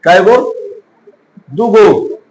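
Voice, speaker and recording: Slow high-voiced male teacher. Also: a little mellow, poor audio. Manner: asks and answers his own questions, counts aloud. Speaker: coaching teacher. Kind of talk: classroom chemistry lesson.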